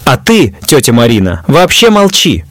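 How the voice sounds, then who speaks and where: A man's voice: medium pitch, huge pitch swings, moderate pace, no echo. A man voicing a drunk, arrogant young man who sneers and taunts the people around him. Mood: taunting. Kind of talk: audio story narration.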